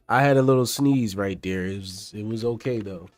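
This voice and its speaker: A man's voice: lowish voice, no echo. A man talks casually on a live stream, reading pages aloud and greeting his viewers by name. His voice sits close and dry on the mic, with no room around it. Faint music plays underneath. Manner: chatty, addresses chat viewers by name.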